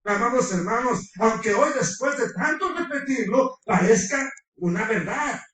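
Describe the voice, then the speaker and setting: A man preaching a fervent sermon, quizzing his congregation and breaking into shouts. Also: extremely high pitch, expressive, a little slow. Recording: echoey room, far from the mic.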